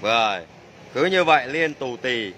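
Mechanic guy, slow and bright, chatty jokey repair demo, faint workshop noise behind. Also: medium pitch, animated. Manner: chatty, jokey, exclaims under his breath. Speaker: motorbike mechanic. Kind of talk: hands-on repair demonstration.

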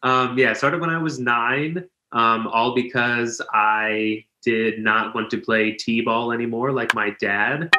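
A man's voice: medium pitch, steady tone, slow pace, few pauses, bright, forceful tone, echoey room, a little hiss or hum. A man in his twenties from Pennsylvania, a professional dancer, chatting as a guest with lots of ums over a video call. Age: 20s. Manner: friendly, uses lots of ums. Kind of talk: casual interview chat. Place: indoor living room. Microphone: video call webcam.

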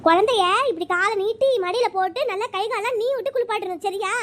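A woman's voice: very high voice, quick pace. A woman voicing a bossy older village mother-in-law in a cartoon, always scolding. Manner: scolding, domineering. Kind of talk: cartoon voice acting.

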